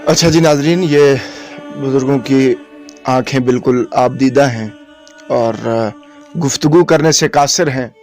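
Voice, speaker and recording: A man's voice: mid-range voice, a little slow, darkish tone, soft background music. A man hosting a field report, narrating solemnly in formal speech and appealing to viewers. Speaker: reporter host.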